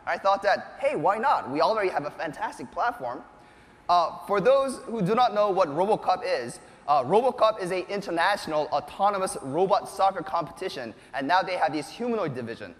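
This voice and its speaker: In his thirties, an enthusiastic robotics researcher with a high-pitched voice speaks fairly quickly while presenting a live keynote tech demo on a large indoor conference stage. He's an animated showman, recorded on a lapel mic in an echoey hall with long reverb.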